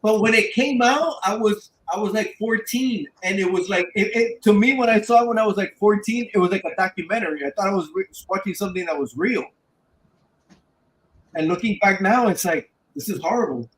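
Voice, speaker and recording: Man, thirties, high voice, animated, repeats himself, casual podcast chat. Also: fairly quick, slight background noise, low-quality recording. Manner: animated, repeats himself, stumbles over words. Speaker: podcast co-host.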